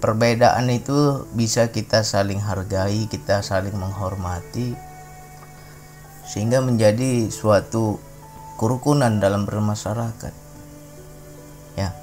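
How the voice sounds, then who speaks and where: A man's voice: lowish voice, measured pace, pauses often, darkish tone, faint music behind. A middle-aged man from Sumatra, giving an informal spiritual talk in a conversational way, often tagging his sentences with a questioning "ya". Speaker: religious talk speaker.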